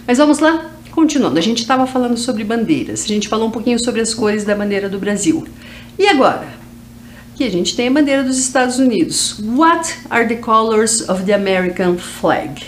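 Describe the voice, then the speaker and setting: A woman teaching English to schoolchildren on educational TV, with a Brazilian Portuguese accent, saying model phrases slowly for the class to repeat. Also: on the high side, lively intonation, a little hiss or hum. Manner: slow, drawn-out model phrases for repetition.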